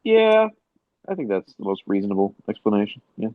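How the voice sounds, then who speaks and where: Man, podcast host, casual chat, mid pitch, dry lo-fi sound. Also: big pitch swings, brisk, dry recording. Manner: laughs often, leads the discussion. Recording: dry, dull lo-fi mic.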